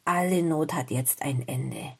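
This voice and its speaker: A woman voicing a poor old woodcutter father in a fairy tale, speaking slowly in a hushed, moved way. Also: deep voice, gravelly, husky, voice pushed down, heavily acted. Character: poor older woodcutter father, tender and grateful.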